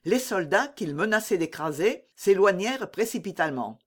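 Narrator for a classic adventure audiobook; animated, rising and falling delivery. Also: medium pitch, normal speed. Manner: lively, animated storytelling. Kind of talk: expressive audiobook reading of a classic novel.

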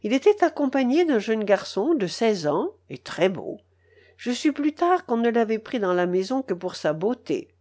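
A woman gives a measured, expressive audiobook reading of a classic novel. Her voice is on the high side.

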